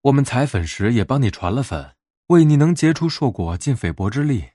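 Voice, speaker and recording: Indignant honeybees from a storybook fable, voiced by a man, firm and reasoned in their rebuke. The delivery is animated in pitch, with a mellow tone and a dry sound. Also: a little fast, dry recording. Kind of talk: storybook character voice in narration.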